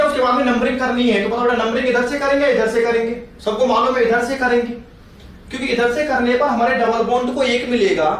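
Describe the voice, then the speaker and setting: In a very echoey room, a distant mic captures a man lecturing a chemistry class in a very high-pitched, fairly bright voice. He's patient, repeating points and asking his students questions, with faint noise in the background.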